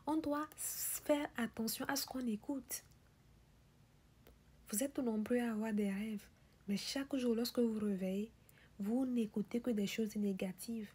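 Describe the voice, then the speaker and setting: A woman delivering a motivational speech in a whispery, breathy voice, pressing the listener with insistent rhetorical questions and repeated refrains. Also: a little high, unhurried, a little mellow. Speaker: motivational speaker.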